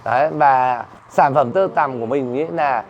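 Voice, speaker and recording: A man's voice: mid-range voice, moderate pace, slight background noise. An older man, a silk artisan, explains his work, often repeating words as he goes. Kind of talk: interview answers. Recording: muffled, with room ambience.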